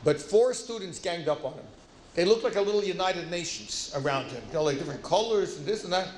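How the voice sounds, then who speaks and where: Male lecturer, lively storyteller who acts out dialogue; roomy hall sound. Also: high voice, fairly quick, slight background noise. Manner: lively, acts out dialogue, self-deprecating asides. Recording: roomy hall with faint ambience.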